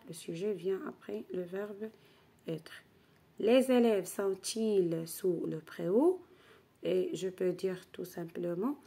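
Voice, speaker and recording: A woman's voice: fairly low pitch, creaky, mellow, breathy edge. A woman French teacher correcting grammar exercises for pupils, patient, and repeating key phrases.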